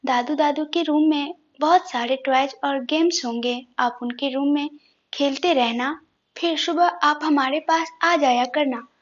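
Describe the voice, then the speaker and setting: A woman voicing a playful, affectionate young father who coaxes and mock-sulks with his little son. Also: high-pitched. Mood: coaxing. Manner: coaxing, mock-sulking, affectionate. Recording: dull lo-fi recording.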